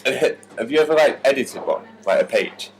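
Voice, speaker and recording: Giggly man with a lively voice. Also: medium pitch, a little fast. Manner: giggly, jokey, stumbling restarts. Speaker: podcast co-host. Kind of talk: casual chat. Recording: noisy amateur podcast recording.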